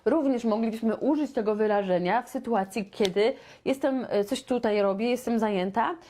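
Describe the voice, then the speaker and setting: A young woman teaching English in a live online lesson, lively and chatty, often turning to her viewers and acting out everyday dialogues. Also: on the high side, normal speed, a little hiss or hum.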